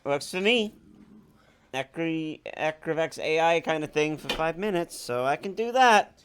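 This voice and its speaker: A woman's voice: deep voice, expressive, measured pace, a little hiss or hum. An Australian woman streaming in a casual chat style. She reacts bluntly and swears now and then. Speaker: VTuber streamer.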